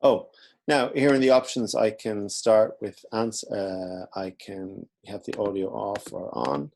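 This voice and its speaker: A man teaching in a relaxed, informal way, walking through a screen-recorded software tutorial. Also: fairly low pitch, a little slow, gravelly, slight background noise. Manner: relaxed, informal explaining while clicking.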